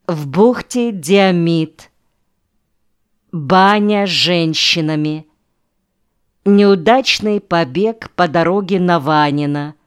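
Woman, audiobook narration, very slow measured reading, somewhat low, smooth resonant voice. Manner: unhurried, measured reading with pauses between phrases. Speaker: audiobook reader.

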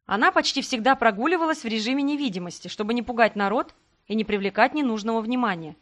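A woman narrating a first-person fantasy novel in a calm, even storytelling manner. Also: fairly high pitch, fast talker. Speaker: audiobook narrator.

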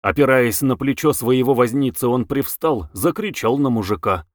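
A man narrating a classic novel in a measured, expressive audiobook reading. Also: medium pitch, no echo, clean studio sound.

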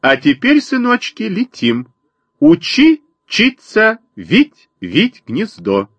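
Male reader as a fussy storybook sparrow mother: shrill, scolding, husky edge. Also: wildly swooping pitch, slow pace, a bit bright, dry recording, dull audio, full character voice. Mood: bossy. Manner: shrill, chattering, indignant. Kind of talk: audiobook character voice.

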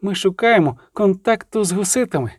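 A man's voice: high-pitched, lively intonation, a little fast, no echo, clean studio sound, pitched above the performer's own voice. A man voicing a frightened young woman who speaks weakly and strained. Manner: weak, strained.

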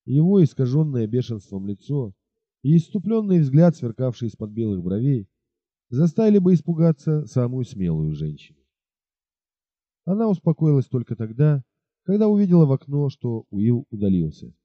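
A man narrating an audiobook in an expressive storytelling manner. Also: mid-range voice, moderate pace, dry recording, highs cut off.

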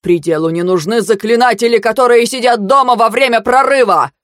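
A woman voicing a stern old male mentor who lectures and shouts in anger. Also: on the low side, measured pace, dry recording, clean studio sound. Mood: shouting.

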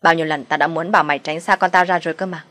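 A domineering older mother-in-law from an audio story, voiced by a woman narrator, sharp and contemptuous with a somewhat low voice. She scolds hard and bosses people around. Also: fairly even intonation, brisk, slightly rough. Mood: scolding.

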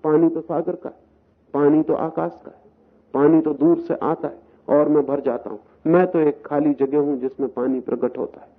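A man giving a slow, deliberate spiritual discourse, building his points through parables, repetition and rhetorical questions. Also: on the high side, breathy edge. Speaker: spiritual speaker. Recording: tinny, narrow-band, lo-fi recording.

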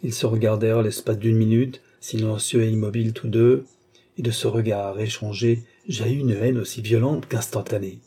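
Brief: male narrator, classic novel, deep mellow tone, breathy edge. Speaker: audiobook narrator.

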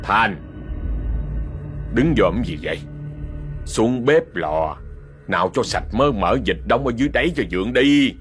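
A cruel husband with a Southern Vietnamese accent speaks in a soft, chillingly gentle way, as a male narrator plays him. His voice sits low but moves a great deal, and faint music plays underneath. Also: lively intonation, measured pace, long pauses. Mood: scolding. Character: falsely pious husband, cold and cruel.

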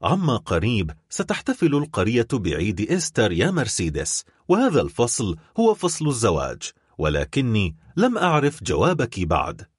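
A lovesick young man who pleads with open distress, as a narrator puts him on in a storybook reading. The voice rises and falls widely and carries a husky texture. The recording is dry and close, with no room sound. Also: medium pitch, wildly swooping pitch, moderate pace, no echo. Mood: anguished pleading. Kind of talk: audiobook character voice.

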